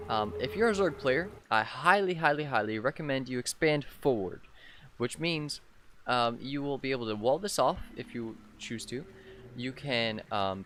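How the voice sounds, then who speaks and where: A young man with a sick, hoarse voice hosts a casual commentary of his own strategy game match. He talks in a loose, rambling way, full of ums and restarts. A faint noise sits under the recording. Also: medium pitch, a bit bright. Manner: rambling with many "um" fillers. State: sick with a sore throat. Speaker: gaming channel host casting his own match.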